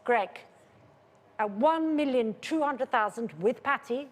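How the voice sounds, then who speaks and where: A woman's voice: fairly high pitch, animated, unhurried. Woman auctioneer calling bids in a reverberant hall. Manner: repeats bid figures insistently, polite and controlled. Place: large indoor auction room. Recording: reverberant large saleroom.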